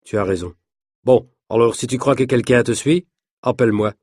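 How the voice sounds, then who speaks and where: A man voicing a calm, helpful male friend who works as an investigator, reassuring and steady, in a read-aloud story. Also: mid-range voice, normal speed, no echo, studio quality, lightly acted.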